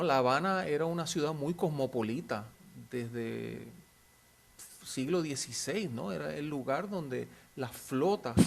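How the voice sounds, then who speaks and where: A man's voice: mid-range voice, creaky. A man, lecturing informally and answering questions in an anecdotal way, often seeking agreement with short tag questions.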